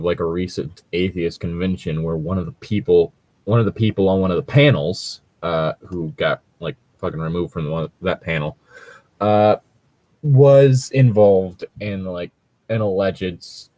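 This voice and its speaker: A low-voiced man co-hosts a show reacting to stories read aloud, chatting loosely and commenting at a moderate pace. His tone is mellow, and he rambles, hedges and swears casually. The recording is close, dry and free of echo.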